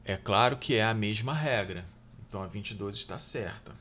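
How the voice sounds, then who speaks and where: A man teaching an exam-prep grammar lesson, reading each question slowly and louder, then answering in a quick, low aside and checking in with "tá?" and "né, gente?". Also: a little hiss or hum. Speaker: Portuguese exam tutor.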